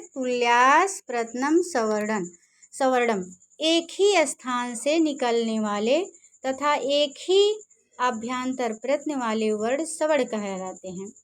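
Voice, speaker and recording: A woman with a Hindi accent teaching Sanskrit grammar in a lecture, explaining slowly, repeating rules and sounding out letters as examples. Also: high-pitched. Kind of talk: classroom lecture.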